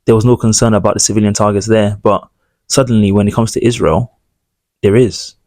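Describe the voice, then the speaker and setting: A man's voice: lowish voice, fairly even intonation, brisk, mellow, dry recording. A man hosting his own channel, giving emphatic, indignant commentary on news clips in long run-on sentences. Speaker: political commentary host.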